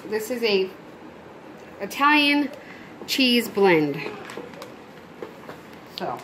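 A woman's voice: medium pitch, very animated, very slow. A woman casually showing how to make a meal in her home kitchen, talking viewers through each step. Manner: chatty, instructive, talks to viewers. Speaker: mom cooking on camera. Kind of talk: casual cooking demonstration. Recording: echoey kitchen with loud background noise. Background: child crying, household noise.

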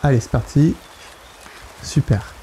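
A man's voice: medium pitch, slow, warm tone, a little hiss or hum, poor audio. A man casually commenting while he plays a VR game as a let's play host, chatting to himself as he goes. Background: game music.

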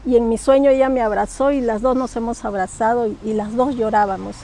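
A woman's voice: fairly high pitch, steady tone, brisk, dark tone, a little hiss or hum. A middle-aged woman telling a personal ghost story, emotional and hesitant, often repeating her words. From Peru. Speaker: guest storyteller. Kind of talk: personal paranormal testimony.

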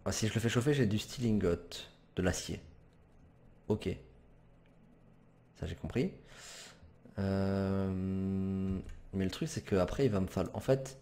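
A man's voice: deep voice, a little slow, long pauses, dark tone, a little hiss or hum. A man commenting as he plays a game, hesitant and chatty, with many fillers and self-corrections. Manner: apologizes for swearing, casual and chatty. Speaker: gamer commentator. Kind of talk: let's play commentary.

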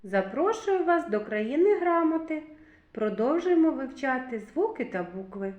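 Lady teacher talking to little kids, slow and bouncy, kinda echoey room. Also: high voice, sing-song, highs cut off. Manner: slow, clearly articulated, sing-song addressing children. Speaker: kindergarten teacher. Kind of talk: literacy lesson for young children.

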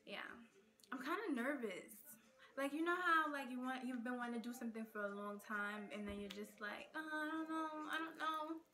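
A woman's voice: high voice, moderate pace, bright, forceful tone. A young woman from Nigeria, chatting casually to camera in a rambling get-to-know-me video, full of "like" and "okay". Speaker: vlogger. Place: indoors in front of a plain gray backdrop.

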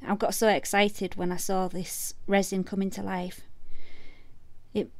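A middle-aged woman chatting in a casual craft vlog, bubbly and chatty, sometimes dropping to soft murmurs. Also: mid-range voice, level tone, unhurried, creaky, dry recording. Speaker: resin artist vlogger.

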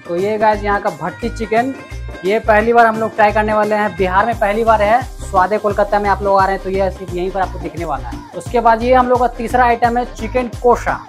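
With faint music playing behind him, a young man from Bihar, India, speaks briskly in a high voice with fairly even intonation. He runs a casual food vlog from a small restaurant dining room, addressing viewers directly as he samples and recommends dishes.

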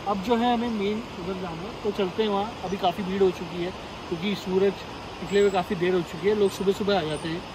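A young Indian travel vlogger chats enthusiastically to his viewers, first in a car and then outdoors by a river. His high-pitched voice is fast with fairly even intonation. It's recorded on a phone, with loud background noise outdoors.

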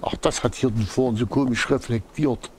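A man's voice: mid-range voice, fairly even intonation, normal speed, a little mellow, slight background noise. A man doing casual live commentary as a game streamer, thinking aloud and muttering to himself.

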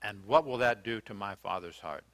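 This older American preacher, speaking indoors in a church sanctuary, has a fairly low pitch, a moderate pace, and a fairly bright tone. His sermon is earnest and questioning, with hesitations, fillers, and restarts.

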